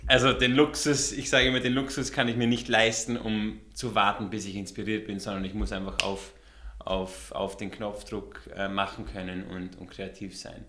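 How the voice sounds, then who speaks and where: A man's voice: lowish voice, level tone, moderate pace, pushed and bright, roomy sound, slight background noise. A man in his thirties with an Austrian German accent tinged by American English, talking easily as a guest, often repeating words and laughing. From Austria and the USA. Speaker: guest, visual artist. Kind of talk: relaxed interview conversation.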